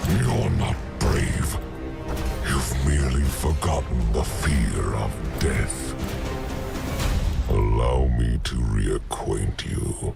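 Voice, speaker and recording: An actor playing a hulking alien warlord villain in a video game, contemptuous and imperious, with slow, theatrical menace and a gravelly voice. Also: male voice, a bass voice, lively intonation, heavily acted. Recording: game cutscene under loud music.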